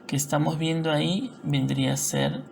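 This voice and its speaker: Low, gravelly Peruvian woman teaching. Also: normal speed, a little mellow, a little hiss or hum. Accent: Peruvian Spanish. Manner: patient, explanatory, frequent tag questions. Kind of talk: recorded classroom lesson.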